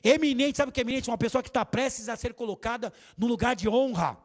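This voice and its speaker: A man preaching a sermon as bishop in a church, lively and theatrical. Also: very high-pitched, fast. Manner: animated, theatrical preaching with acted quotes.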